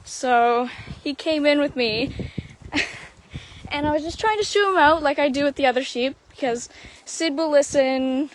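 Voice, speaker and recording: A woman's voice: high-pitched, a little slow. A woman chatting casually on an outdoor walk, giggly between her phrases. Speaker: sanctuary helper. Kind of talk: casual chat on a walking tour. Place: outdoors on farm, walking. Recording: noisy outdoor recording with clicks.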